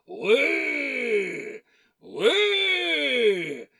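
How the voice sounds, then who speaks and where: Storybook wolf, blustering and gruff, low and loud, voiced by a woman narrator. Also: huge pitch swings, extremely slow, no room sound, clean studio sound, exaggerated voice. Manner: lowered, gruff, shouting. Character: gruff grey wolf, male.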